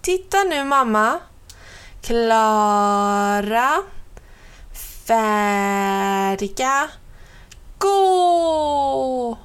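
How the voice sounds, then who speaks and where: A woman reading a storybook aloud, voicing an eager, stubborn little boy who calls out excitedly. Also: on the high side, clean tone. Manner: excited calling out, insistent.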